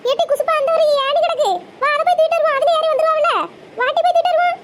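Brief: a bossy cartoon village woman, squeaky high voice, rapid, heavy noise behind. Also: steady tone. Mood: urgent, bossy. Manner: bossy, hollering orders. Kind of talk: cartoon voice acting.

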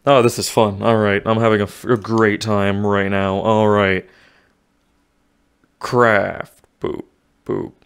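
A man's voice: lowish voice, little pitch movement, slow, creaky, pauses often, clean tone. Breathless young man narrating VR gameplay. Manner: self-narrating, exclaiming, muttering to himself. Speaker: gaming YouTuber. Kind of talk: VR gameplay commentary. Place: home room with desk.

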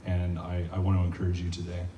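A man with a low voice speaks to the congregation in an earnest, encouraging tone. He sounds like he is standing far from the mic. A long reverb hangs in the large church hall. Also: completely flat delivery, fast talker, dull audio, background noise. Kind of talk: sermon. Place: church sanctuary.

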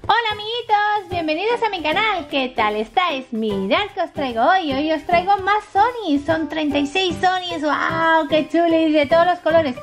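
A woman with a Spain Spanish accent hosting children's toy videos in a playful, exclamatory, squeaky sing-song manner. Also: measured pace, few pauses. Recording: music behind the voice.

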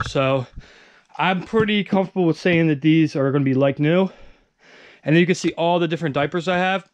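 Rambling man touring his basement stock. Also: on the high side. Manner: loose, rambling, many fillers. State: out of breath. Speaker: online reseller vlogger. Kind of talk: casual walkthrough vlog. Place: home basement storage room.

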